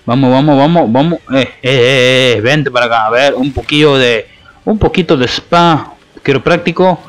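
A man's voice: mid-range voice, moderate pace. Taunting Mexican man commentating gameplay. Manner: taunting, playful trash talk at opponents.

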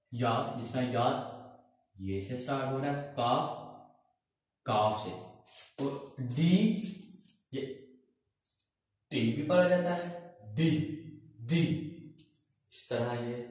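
Male teacher, slow and patient, recorded from across a very echoey room. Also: medium pitch, a little mellow. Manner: slow and deliberate, repeating each letter. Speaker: language teacher. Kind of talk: recorded alphabet lecture. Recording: distant mic in a very echoey room.

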